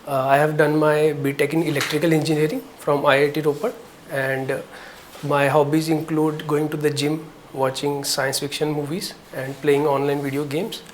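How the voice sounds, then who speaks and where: A young man from Jammu and Kashmir answering interview questions politely and deferentially, pausing often to gather his words. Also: on the high side, flat delivery, a little hiss or hum. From Jammu and Kashmir, India. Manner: polite, deferential, hesitant with many pauses. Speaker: interview candidate.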